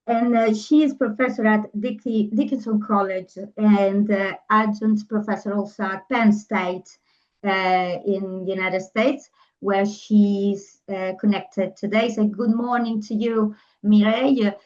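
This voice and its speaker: A woman's voice: medium pitch, fairly even intonation, unhurried, a little mellow. Hesitant woman podcast host, muffled sound. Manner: hesitant, many fillers. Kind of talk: interview introduction.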